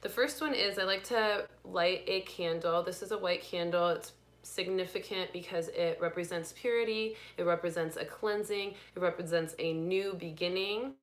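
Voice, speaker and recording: A young woman hosting a live card reading and guided meditation, speaking in a gentle, unhurried, spiritual tone and greeting viewers by name. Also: fairly low pitch. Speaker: intuitive reader and livestream host.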